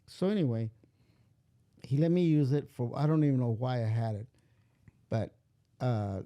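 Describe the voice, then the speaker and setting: A man's voice: mid-range voice, animated, normal speed, dark tone. An older man telling a long personal story in a casual interview, rambling and acting out the voices in it. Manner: rambling, acts out quoted dialogue. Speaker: father being interviewed.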